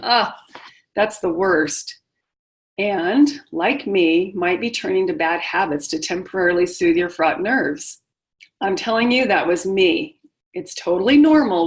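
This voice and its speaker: A middle-aged woman, a widowhood coach, hosts a motivational webinar and speaks to her listeners in a direct, encouraging way. Her voice is fairly low, and the recording is rough.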